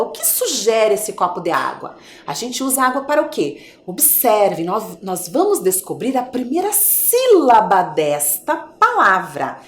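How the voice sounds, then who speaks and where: A Brazilian woman teaching a video lesson to small children, her voice lively and swooping as she coaxes them with questions. Her pitch sits somewhat high, and the recording has an echoey, roomy sound. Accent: Brazilian Portuguese. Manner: animated, coaxing, asks children questions. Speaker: primary school teacher.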